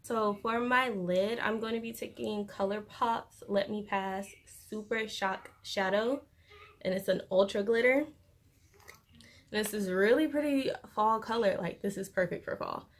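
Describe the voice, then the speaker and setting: Noticeable room noise fills this bedroom recording of a young beauty vlogger. Her medium-pitched voice keeps a measured pace as she talks through a makeup tutorial in relaxed, slang-heavy language.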